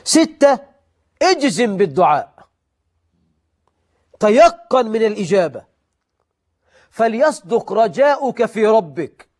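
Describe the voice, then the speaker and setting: A man preaching in Egyptian Arabic, swinging between loud emphatic lines and soft asides, and slowing down to recite scripture. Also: sits high, big pitch swings. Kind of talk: sermon on prayer etiquette.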